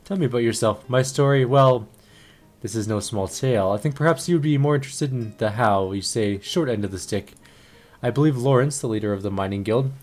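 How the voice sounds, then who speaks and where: A man voicing a grieving middle-aged widow who speaks halting, broken English with odd idioms, over faint game music. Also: medium pitch, darkish tone, natural voice. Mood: earnest.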